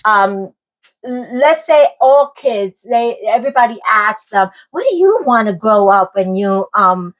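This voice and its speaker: A woman hosting an interview show, asking measured questions with frequent ums. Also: mid-range voice, lively intonation, lo-fi sound. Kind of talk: hosted interview.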